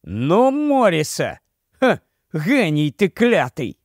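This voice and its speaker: A man's voice: on the high side, huge pitch swings, slow pace, no echo, studio quality, full character voice. A man reading an audiobook, voicing a brash, foul-mouthed young male friend who jokes in crude, mocking banter. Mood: amazed. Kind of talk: audiobook character voice.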